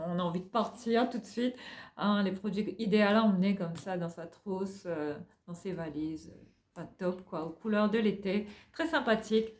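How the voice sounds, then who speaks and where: A woman with a French accent chatting through a product haul, gushing over finds and tagging nearly every phrase with a filler. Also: medium pitch. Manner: chatty, tags most phrases with "hein". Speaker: haul vlogger. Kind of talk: casual product haul chat.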